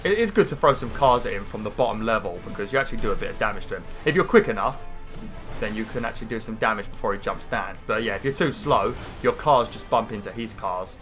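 A man's voice: on the low side, lively intonation, fast, a bit bright, faint music behind. Nasal British man, pinched-nose gaming commentary. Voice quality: nasal, like holding his nose. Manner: informal, rambling, sweary. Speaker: gaming video host. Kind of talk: casual gameplay commentary.

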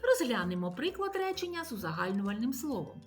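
A woman teacher explaining a grammar lesson, listing examples slowly and deliberately with stressed emphasis. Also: on the high side, big pitch swings, faint music behind. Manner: slow, deliberate enumeration with rising emphasis.

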